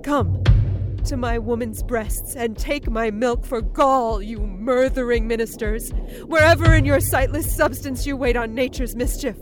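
An actress playing a ruthless, ambitious noblewoman in a Shakespearean drama, with an intense, deliberate delivery. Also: medium pitch, music in the background, close to an everyday voice. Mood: dark invocation. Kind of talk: dramatic Shakespearean stage-style acting.

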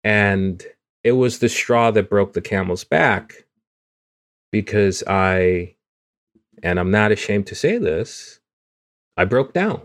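A man from Guyana talking openly and earnestly about personal struggles in a casual podcast conversation, often restarting his words. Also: lowish voice. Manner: earnest and open, with frequent restarts. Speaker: podcast co-host.

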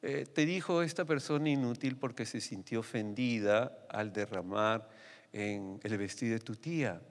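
A man with a Peruvian accent preaching a sermon, telling stories with lively, sudden leaps in pitch. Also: normal speed, big-room sound. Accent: Peruvian Spanish. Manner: animated storytelling with sudden pitch jumps. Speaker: pastor.

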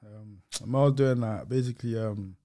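A man's voice: fairly low pitch, moderate pace, dark tone. A man with a London roadman accent talks as a guest in a casual chat. His speech is thick with street slang and a little hesitant, with thoughts that often trail off. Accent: London roadman, urban slang. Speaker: podcast guest.

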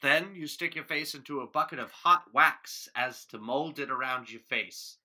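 Deadpan man with a bright, forceful voice. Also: medium pitch, moderate pace. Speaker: improv performer. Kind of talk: improv comedy scene.

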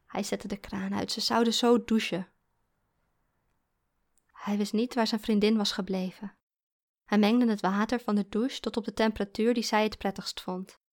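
Woman, audiobook narrator, calm, steady, slightly high voice. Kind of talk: audiobook reading of adult fiction.

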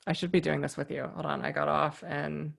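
Very low, gravelly-voiced woman host. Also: steady tone, a little fast. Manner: brief affirmations, joking asides. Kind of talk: casual chat.

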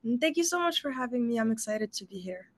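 A young woman from Morocco, guest on a podcast interview, talking earnestly as an empowerment coach with frequent pauses. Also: a little high, lively intonation. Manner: earnest, fluent, frequent "uh" fillers.

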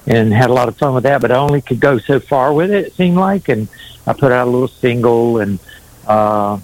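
Middle-aged male musician, medium pitch, hesitant rambling delivery, casual interview storytelling. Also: a little fast, darkish tone, low-quality recording. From North Carolina. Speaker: singer-songwriter, interview guest.

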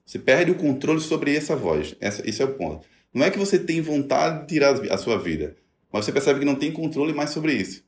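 Animated man in an echoey room. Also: on the high side, brisk. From Brazil. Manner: animated, acts out quoted voices. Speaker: guest telling his story. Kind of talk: personal story in a conversation.

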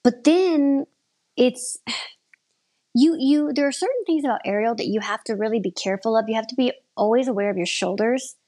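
A woman's voice: a little high, normal speed, dark tone. A woman in her thirties, an aerial performer, chatting casually in an interview. She rambles and often restarts her sentences.

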